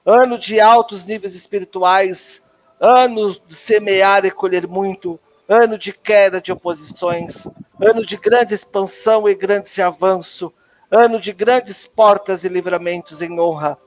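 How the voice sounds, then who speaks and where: Brief: Brazilian male host, high voice, solemn declamatory prayer reading, emotional. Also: steady tone, unhurried, highs cut off. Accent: Brazilian Portuguese. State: choked with emotion.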